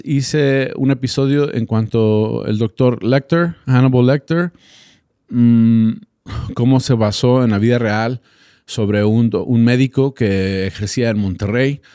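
A man's voice: mid-range voice, measured pace, warm tone, clean tone, dry recording, studio quality. A man from Texas with an American accent, a native English speaker, hosting a casual solo podcast and often hesitating as he searches for words. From Texas, United States. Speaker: podcast host.

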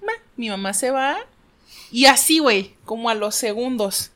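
Mexican woman, casual co-host, slangy animated storyteller. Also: on the high side, moderate pace. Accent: Mexican Spanish. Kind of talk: casual chat.

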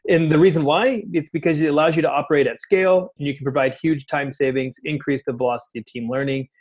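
Male co-host, relaxed and laid-back, chatty and quick to laugh. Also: fairly high pitch. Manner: easygoing, laughs often, many fillers. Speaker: podcast co-host. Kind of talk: casual chat.

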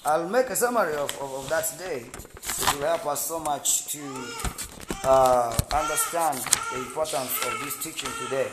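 A man's voice: a little high, moderate pace. A man preaching a sermon, stressing points with call-and-response and frequent "praise God". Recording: echoey room, some noise.

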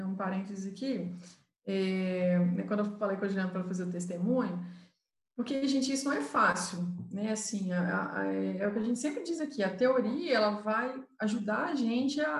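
A woman's voice: medium pitch, moderate pace, roomy sound. A Brazilian woman, a communication consultant, explaining in a casual live chat and often adding "né". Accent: Brazilian Portuguese. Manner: explanatory, uses filler "né".

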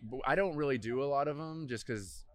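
A man's voice: medium pitch, a little fast, no echo. A man as a guest in a casual podcast chat in a restaurant, laid-back and saying "bro" and "dude".

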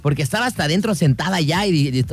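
A man's voice: on the high side, animated, quick pace, husky, soft background music. A man with a Mexican accent hosting a radio show, chatting casually and jokingly, with plenty of slang and fillers. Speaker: radio host.

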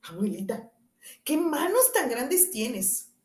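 A woman's voice: sing-song, takes it slowly, a little mellow, roomy sound, exaggerated voice. A woman doing a wide-eyed little girl. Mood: wondering. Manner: high, childlike and wide-eyed.

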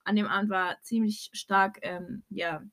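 A woman's voice: mid-range voice, measured pace. Slangy young woman telling stories. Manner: slangy, mixes English swearing into German, animated storytelling. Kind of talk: casual chat.

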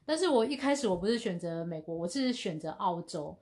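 A woman's voice: fairly low pitch, lively intonation, fairly quick, darkish tone. A woman in her thirties from Taiwan, speaking with a Taiwanese Mandarin accent, chatting as a podcast co-host and mixing English words into her talk. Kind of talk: casual chat.

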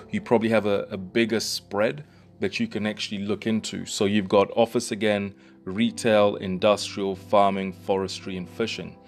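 A man's voice: on the low side, darkish tone. A man explaining real estate in a loose, conversational way, with lots of fillers and restarts. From New Zealand. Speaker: real estate broker and host. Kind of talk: casual explainer monologue.

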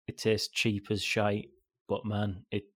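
A man's voice: lowish voice, monotone, slow, no echo, studio quality. A man hosting a podcast, chatting in a laid-back way and swearing casually. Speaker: podcast host. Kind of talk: casual chat.

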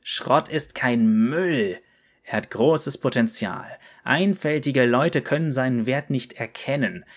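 A man voicing a small, grumpy old yordle mech pilot, gruff and boastful, in a storybook reading. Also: medium pitch, takes it slowly. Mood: scolding.

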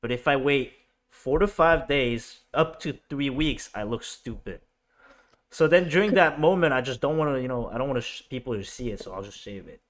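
A man's voice: medium pitch, expressive, normal speed, a bit bright. Rambling young man in casual chat. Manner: rambling, many fillers and restarts.

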